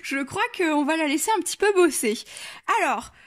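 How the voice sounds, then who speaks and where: A woman's voice: high-pitched, animated, normal speed. A woman hosting a crafting vlog, chatting casually and hesitating often with fillers.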